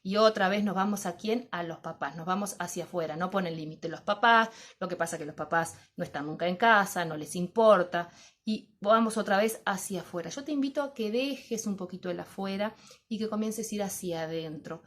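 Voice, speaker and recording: A woman's voice: mid-range voice, a little fast, a bit bright. A middle-aged woman gives an informal talk to fellow teachers, reflecting aloud and often asking herself questions and then answering them. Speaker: teacher trainer.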